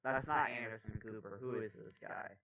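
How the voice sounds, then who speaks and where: A man's voice: lowish voice, normal speed, creaky. A man, a political commentator, reading the news aloud with blunt, profane, sarcastic asides. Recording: dull lo-fi sound, off-mic.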